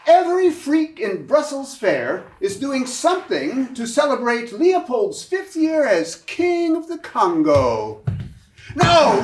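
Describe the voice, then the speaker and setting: A man's voice: very high voice, fairly bright tone, slight background noise, heavily acted. A man playing a cruel sneering freak-show owner. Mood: mocking, then menacing. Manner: bullying, sneering, barking orders. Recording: roomy, distant from the mic.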